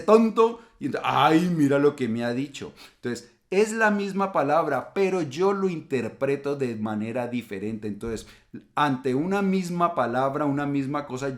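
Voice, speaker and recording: Male host, middle-aged, calm and explanatory, mid pitch, reflective channel talk. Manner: calm explanatory, acts out quoted insults.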